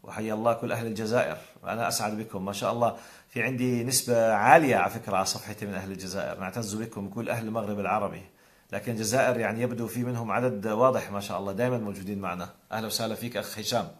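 Fast-talking Jordanian man hosting a live show. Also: lowish voice, fairly even intonation. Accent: Jordanian Arabic. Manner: warm religious blessings, conversational. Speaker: call-in show host. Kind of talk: live broadcast greeting viewers.

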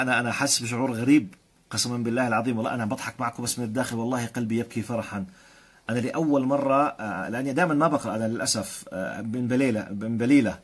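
A Jordanian man with a Jordanian accent hosts a live stream, reading out viewer comments in a rapid flow. His voice is husky and a little breathy, and he moves quickly from one greeting to the next. He sprinkles his talk with blessings and light chuckles. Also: mid-range voice. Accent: Jordanian Arabic. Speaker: host.

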